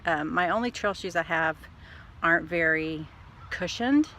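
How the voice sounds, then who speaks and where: A woman's voice: on the low side, a little slow, sharp tone, slight background noise. A woman chatting casually in a rambling, upbeat, self-deprecating way, like a trail running vlogger talking to her followers. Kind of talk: casual vlog chat to camera.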